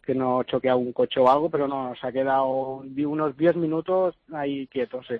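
A man, a photographer, describing what he saw as an eyewitness over the phone, in halting speech with many restarts. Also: mid-range voice, fairly even intonation, no echo. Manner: halting, restarts words, plain retelling. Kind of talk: eyewitness account. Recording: muffled lo-fi line.

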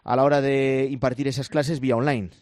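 A man's voice: medium pitch, steady tone, brisk, a little mellow, no echo, studio quality. A man hosting a midday radio news show, interviewing and presenting headlines. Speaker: radio host.

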